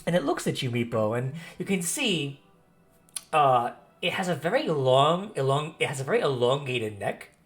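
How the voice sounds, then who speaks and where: A man narrates a tabletop fantasy game as its game master. He improvises, circling back to repeat and rephrase his descriptions in a middle-pitched voice. Music plays behind him. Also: animated, normal speed. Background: background music.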